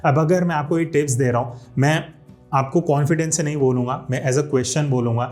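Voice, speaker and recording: A man's voice: a little high, steady tone, brisk, a little mellow, faint music behind. A man in his thirties, a YouTube creator, giving casual spoken tips to camera and stressing key words as he explains, mixing English words into Hindi. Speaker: YouTube creator teaching video skills. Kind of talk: casual instructional talk to camera. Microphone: studio microphone.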